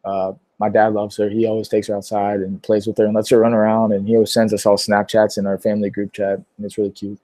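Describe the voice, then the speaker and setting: A man's voice: on the low side, monotone, fast talker, hardly any pauses, mellow, no room sound. A young man from Pennsylvania chatting casually on a livestream, answering viewer questions with lots of fillers and a sore throat. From Pittsburgh, Pennsylvania. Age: young adult. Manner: rambling, many fillers.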